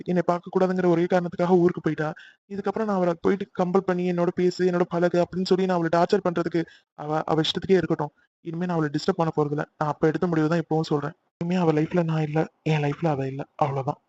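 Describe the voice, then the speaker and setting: An actor voicing a young cartoon man who talks fast and urgently, then turns bitter and resigned. The recording sounds dull and lo-fi. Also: mid-range voice, flat delivery, darkish tone, lightly acted. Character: young Tamil man Akil, office worker, hurt. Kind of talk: cartoon voice acting.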